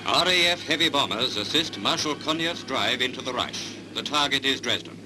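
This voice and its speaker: A man's voice: mid-range voice, lively intonation, brisk. A man giving clipped, formal newsreel commentary, heard through an old wartime newsreel recording. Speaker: newsreel announcer. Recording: distant old newsreel audio with music.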